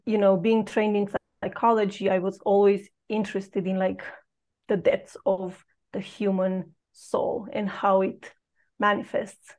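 Here a Romanian podcast guest in her late thirties reflects on her life story, speaking haltingly with frequent pauses. She has a darkish, mid-range voice.

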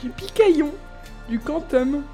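A woman's voice: sits high, lively intonation, unhurried, creaky, mellow, soft background music. A woman host in casual chat, listing old slang words with amusement and frequent laughs.

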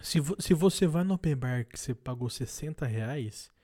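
A man's voice: mid-range voice, animated, moderate pace, dark tone. A young man with a Brazilian Portuguese accent, co-hosting a podcast in casual, slangy, crude and joking banter full of swearing. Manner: crude, joking, profanity-laden. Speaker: podcast co-host.

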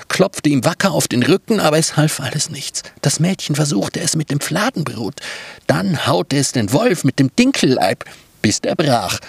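A man narrating a comic fairy tale with a deadpan, dryly ironic, playful manner and a gravelly, husky voice. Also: on the high side, no echo.

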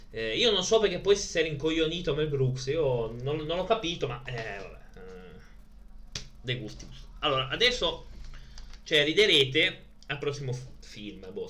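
A man's voice: mid-range voice, bright, forceful tone. A man hosts a film review video in casual, hesitant, rambling chat with blunt slangy asides, while suffering from a headache.

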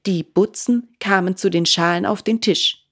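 A woman reading a children's book aloud in a calm, measured way. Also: mid-range voice, slightly rough. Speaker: audiobook reader.

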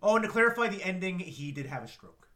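A man's voice: sits high, animated, quick pace, pushed and bright. A man co-hosting a movie podcast, chatting casually and reading out lines from the film in mock-dramatic voices. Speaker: podcast co-host. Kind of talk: casual movie review chat.

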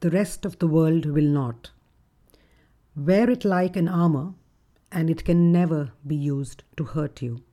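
A woman with a deep, gruff voice and a dark tone hosts a reflective solo podcast as a relationship coach. Her delivery is measured and thoughtful, with occasional fillers.

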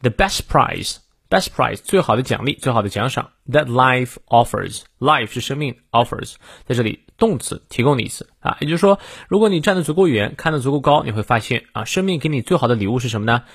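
A man's voice: medium pitch, expressive, fairly quick, gravelly, slightly rough, dry recording. Dry-voiced male English teacher. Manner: explanatory, adds soft particles like "ah" and "ha"; coaches pronunciation step by step. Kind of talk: morning reading lesson.

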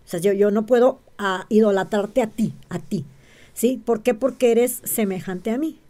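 A woman speaks in a dark, mellow voice at a middling pitch. She talks as an interview guest, explaining step by step. She keeps checking in with short questions and answers her own rhetorical ones. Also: moderate pace. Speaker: interview guest, self-described witch.

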